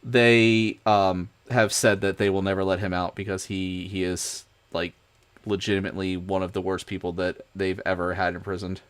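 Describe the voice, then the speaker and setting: A young man streaming, chatting casually in an excitable, rambling way. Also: low-pitched, normal speed, smooth. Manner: rambling, excitable, many fillers and restarts. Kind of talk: casual chat.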